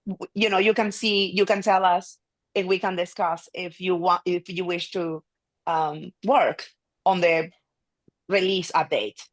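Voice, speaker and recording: A woman's voice: lowish voice, fairly even intonation, a little slow, no room sound, poor audio. Friendly Spanish-speaking woman hosting a call. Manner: hesitant, restarts often, friendly. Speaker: meeting host. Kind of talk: online meeting chat. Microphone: video call.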